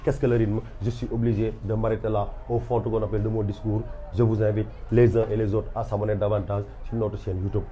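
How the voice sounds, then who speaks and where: A man's voice: lowish voice, level tone, fast talker, few pauses, warm tone, lo-fi sound, slight background noise. Emphatic Senegalese French male teacher. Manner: emphatic and repetitive, stepping through examples. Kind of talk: literature lecture.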